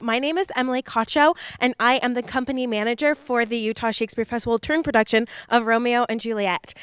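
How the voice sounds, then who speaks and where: A woman with a slightly high, smooth, resonant voice moderates a talkback after a show. She is friendly and organized and reads out the questions steadily. The sound is dry and close. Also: fairly bright tone, dry recording. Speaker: company manager and talkback moderator.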